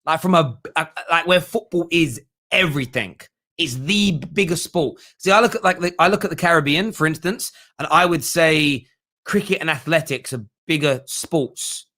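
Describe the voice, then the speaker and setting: This livestream host speaks at a normal speed, his slightly high voice bright and forceful. Chatting about football, he goes through viewer comments with blunt emphasis, frequently saying things twice.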